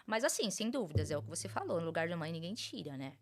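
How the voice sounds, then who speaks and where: A woman in her thirties from Brazil, a teacher and mother, chatting as an interview guest and telling animated stories while often calling the host by name. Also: fairly low pitch, fast. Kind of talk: casual interview chat.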